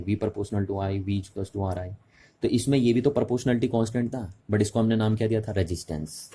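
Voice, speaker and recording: A man's voice: lowish voice, dark tone, slight background noise. A man teaching a physics lesson in Hindi mixed with English, patiently repeating key terms and checking that students follow. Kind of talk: classroom lecture mixing Hindi and English.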